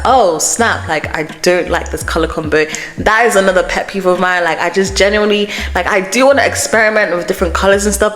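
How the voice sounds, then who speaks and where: A woman's voice: lowish voice, a bit bright. A woman hosting a casual, chatty solo podcast, venting emphatically and informally, with an echo effect on her microphone. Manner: informal, emphatic venting about small annoyances. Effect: microphone echo setting, echoey reverb. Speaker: host of a crochet podcast vlog. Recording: echoey voice from microphone echo setting.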